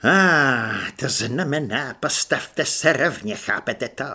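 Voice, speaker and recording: A man voicing a gruff, bullying male army corporal in an audiobook, barking scornful orders. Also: medium pitch, very animated, pushed and bright, exaggerated voice.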